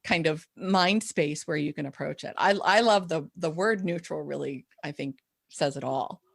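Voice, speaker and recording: A woman with a fairly low voice co-hosts a relaxed podcast chat. She speaks as a coach, backing up her guest and laughing easily. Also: moderate pace, vocal fry. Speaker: co-host and ADHD coach. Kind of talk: casual podcast conversation.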